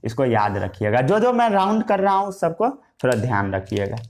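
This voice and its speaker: At normal speed, a man with a mid-range voice and big pitch swings teaches a Hindi science lesson containing English terms. He asks questions, supplies the answers, and repeats key words while he writes.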